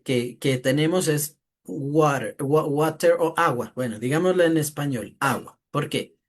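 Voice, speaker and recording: A teacher talks through a lesson slide by slide, in an even, mid-range voice. The delivery often stops for a short tag question to the class and loops back on words mid-thought. It sounds like a live, unscripted class explanation. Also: medium pitch. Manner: repeats words and hesitates while explaining.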